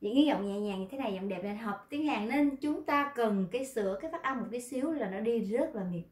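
A Vietnamese-speaking woman teaching Korean pronunciation in an online class, lively, explaining and then reading model sentences slowly. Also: a little high, echoey room.

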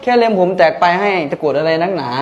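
A woman's voice: fairly low pitch, fast talker, a little mellow, muffled recording, pitched below the performer's own voice, lightly acted. A woman voicing a sulky, teasing teenage schoolboy in a comedy skit, blunt and mumbling.

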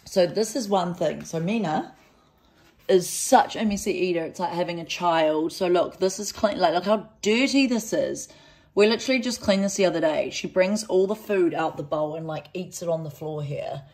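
A woman's voice: fairly low pitch, normal speed, darkish tone. A woman vlogging casually at home, filming on a handheld camera and chatting with filler words and baby-talk to her cats. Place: home, indoors. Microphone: handheld camera and phone.

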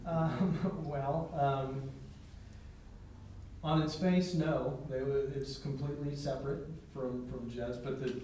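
A man, the village law director, explaining a bill at a council meeting in a measured way, with many pauses. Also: medium pitch, steady tone. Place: municipal council chamber. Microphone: distant room mic. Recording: very echoey chamber, far mic, loud noise.

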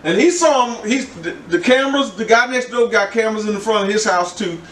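A man's voice: high-pitched, fairly quick, fairly bright tone, far from the mic. Man, older, rambling sermon, roomy echo, faint background hiss. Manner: rambling, conversational preaching with repeated words and laughs. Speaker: pastor. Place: church. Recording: echoey room, from the mic.

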